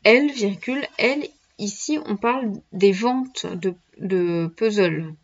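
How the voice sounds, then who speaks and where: A woman's voice: medium pitch, slow, muffled recording. A woman teacher giving a dictation, spelling words letter by letter and patiently explaining grammar as she goes. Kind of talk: dictation lesson.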